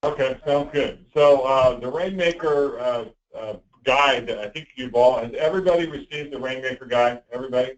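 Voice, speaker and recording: A man leading a sales team conference call, heard through a call speaker, talking in a halting, conversational way. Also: mid-range voice. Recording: muffled distant call audio.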